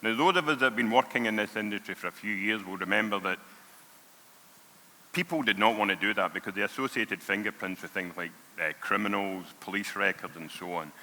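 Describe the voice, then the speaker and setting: A man's voice: on the low side, brisk, sharp tone, slight background noise. A man with a broad Scottish accent giving a conference presentation in an emphatic way, often repeating words for stress. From Scotland. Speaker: conference speaker, payments product lead. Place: on stage in a large hall. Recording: reverberant large hall sound.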